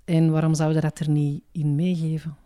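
A woman weighs both sides thoughtfully on a panel, pausing now and then. Her voice is low and mellow, and the sound is dry and close. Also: flat delivery, dry recording. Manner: thoughtful, hesitant. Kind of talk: reflective panel discussion.

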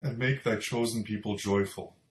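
A man's voice: lowish voice, fairly even intonation, slight background noise. Man reading scripture in cathedral echo. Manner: measured, solemn reading. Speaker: lesson reader and respondent at a church service. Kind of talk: formal liturgical scripture reading. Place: large church. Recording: echoey church with faint ambience.

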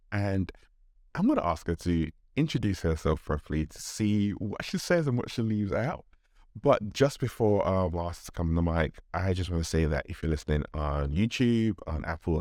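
Deep-voiced man hosting a podcast. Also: moderate pace, no room sound, clean studio sound. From Nigeria. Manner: relaxed, conversational, with restarts. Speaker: podcast host. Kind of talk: podcast interview.

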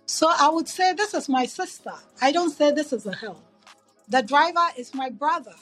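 A woman's voice: sits high, moderate pace, soft background music, low-quality recording. A middle-aged woman from Ghana, interviewed as a guest, telling stories about her upbringing in a reflective, earnest way with frequent restarts over a remote call. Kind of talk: conversational storytelling.

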